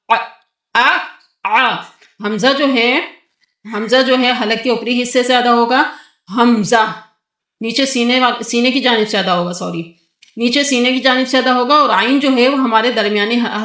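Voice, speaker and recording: Casting note: woman, fairly high voice, patient tajweed teacher, echoey room. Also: fairly bright tone. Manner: patient, drawn-out sung syllables for the child to repeat. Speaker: Quran recitation teacher. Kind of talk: tajweed lesson with a child.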